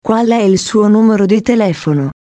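A woman reading the lines of a calm, wry male police officer in a storybook, with a mild, even delivery. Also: medium pitch, normal speed, no room sound, dull audio, lightly acted.

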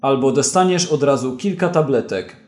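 A man's voice: medium pitch, expressive, moderate pace, a little mellow, reverberant, natural voice. A man voicing an armed man who makes cold, mocking threats. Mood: threatening.

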